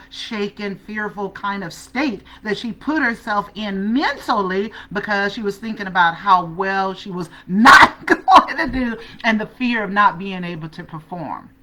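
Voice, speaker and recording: A woman telling a personal story as a motivational speaker, animated and laughing often, talking straight to her audience. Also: mid-range voice, rough recording. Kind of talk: storytelling talk.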